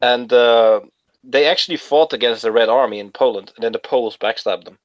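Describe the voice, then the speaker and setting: A man in casual podcast chat, telling stories with pauses and restarts. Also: mid-range voice, fairly even intonation, dry recording. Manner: hesitant, storytelling. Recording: dull lo-fi audio.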